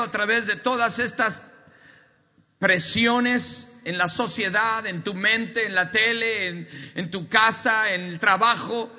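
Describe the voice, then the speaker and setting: Male preacher, emphatic sermon, very bright voice, dull recording with long hall echo. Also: high voice. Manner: emphatic, repetitive preaching with rising outbursts.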